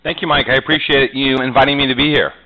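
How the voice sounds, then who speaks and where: A middle-aged real estate agent from New England, USA, appears as a podcast guest and tells his career story in a conversational interview. He talks fast in a sharp, medium-pitched voice with fairly even intonation, rambling and often padding with "you know." The audio quality is poor.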